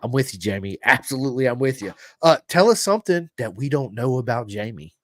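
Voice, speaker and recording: A man's voice: mid-range voice, big pitch swings, fairly quick, no echo. A man hosting a podcast interview, enthusiastic and chatty, often repeating himself and restarting his sentences. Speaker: podcast host. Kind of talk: casual interview.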